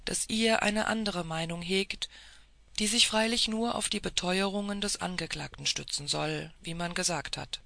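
A reader playing a proud male officer, speaking emphatically in a raised, gravelly voice. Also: mid-range voice, sharp tone, no echo. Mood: confiding.

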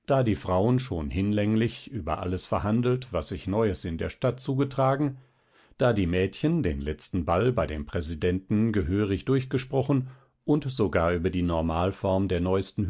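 A man reading a literary audiobook in a measured, expressive storytelling manner. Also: fairly low pitch. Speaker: audiobook narrator.

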